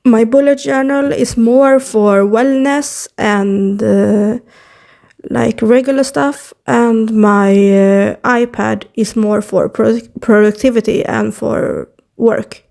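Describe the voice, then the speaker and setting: Here a young YouTuber from Sweden, speaking with a Swedish accent, chats slowly and hesitantly into her camera with plenty of fillers. Her slightly high, mellow voice holds a steady tone and shows some vocal fry, captured only by the device's built-in mic.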